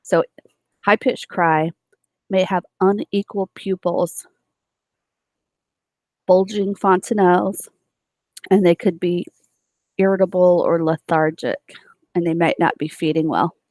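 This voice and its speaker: A woman's voice: lowish voice, fairly even intonation, slow pace, pauses often, darkish tone, dry recording. A woman teaching a nursing class, explaining step by step with many fillers and restarts. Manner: explanatory, with frequent fillers and self-corrections. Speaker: nursing instructor. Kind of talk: recorded lecture.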